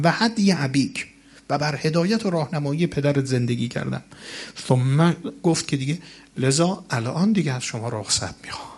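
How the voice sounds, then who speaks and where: Man preaching, religious storytelling, slow Arabic recitation, emotional rises, raised pitch. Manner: recites Arabic passages slowly, then paraphrases them with dramatic swells.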